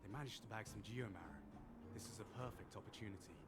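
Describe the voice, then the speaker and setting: A man's voice: lowish voice, fast, heavy background noise, lightly acted. A man voicing a scornful, scheming vagrant thug in a video game.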